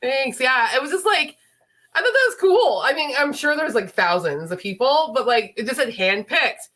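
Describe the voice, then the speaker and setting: Her voice is high-pitched, expressive, bright and forceful, moving at normal speed. She's a woman in her late thirties running a casual livestream chat, congested and stuffy from a sickness that has hung on, and she talks in a chatty, rambling way packed with fillers.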